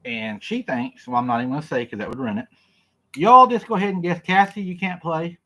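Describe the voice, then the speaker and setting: A man's voice: sits high, lively intonation, a little fast, vocal fry, sharp tone. A man hosting a casual livestream, joking, laughing and reading viewer comments aloud as he eats. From Oklahoma. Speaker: livestream host. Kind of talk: casual livestream chat while eating.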